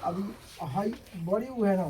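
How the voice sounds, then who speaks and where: A man's voice: high voice, unhurried, dark tone, a little hiss or hum, rough recording. A male teacher giving a classroom grammar lecture, explaining step by step and often checking that students understand.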